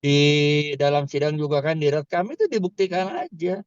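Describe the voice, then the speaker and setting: Male legal pundit, emphatic explainer, slightly high pitch, dry and slightly muffled recording. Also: moderate pace, a little mellow, no echo. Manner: emphatic, explanatory, repeats "kan" and "tuh". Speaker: criminal law expert. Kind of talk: interview answers.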